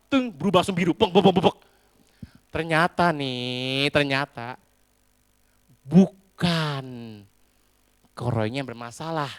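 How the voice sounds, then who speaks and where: Animated, bright-voiced male preacher. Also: a little high, no room sound, clean studio sound. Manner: animated storytelling with a sing-song rise and fall and crowd call-outs. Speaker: pastor. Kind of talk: lively comic sermon.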